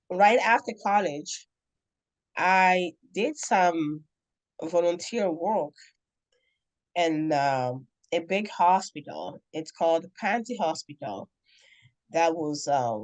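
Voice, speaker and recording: Speaking in a low-pitched, somewhat dark voice, a middle-aged woman from the Democratic Republic of Congo tells a story as a guest being interviewed. The nonprofit founder is earnest and deliberate, pausing a lot.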